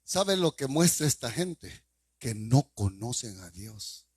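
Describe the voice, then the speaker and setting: A male pastor with a Salvadoran accent preaching a sermon, firing repeated rhetorical questions at the congregation with sudden loud bursts. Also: medium pitch, very animated, takes it slowly, slightly rough, no echo. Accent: Salvadoran Spanish.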